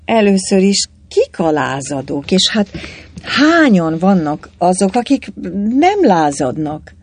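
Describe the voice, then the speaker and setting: A man's voice: high-pitched, big pitch swings, voice pushed up. A man reading an audiobook voices a nervous middle-aged cobbler who speaks timidly, sometimes in a frightened whisper. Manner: timid, faltering, partly whispered. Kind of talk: audiobook character voice.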